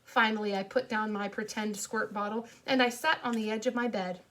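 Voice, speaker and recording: A woman's voice: medium pitch, steady tone, fairly quick, sharp tone. A woman narrating a children's audiobook in a playful, childlike storytelling voice.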